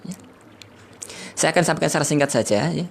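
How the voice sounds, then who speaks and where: A man teaching Quran recitation in a livestreamed study session, often ending phrases with "ya" and slowly chanting verses to demonstrate. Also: on the high side, animated, creaky, a little hiss or hum. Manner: tags sentences with "ya", sings out verses slowly to demonstrate. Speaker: religious teacher.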